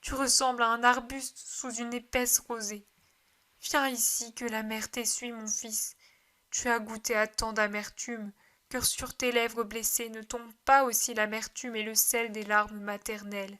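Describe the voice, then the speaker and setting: A woman's voice: fairly high pitch, steady tone, unhurried, bright, forceful tone. A woman reading aloud gives voice to a grieving mother who pleads and cries out in desperate faith. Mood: tender grief. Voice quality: emotional pleading delivery.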